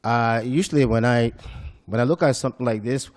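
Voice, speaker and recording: A man's voice: medium pitch, a little fast, a little mellow. A man giving public comment at a town council meeting, hesitant with many fillers, asking questions about the budget. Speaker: citizen speaking at council meeting. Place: council chamber.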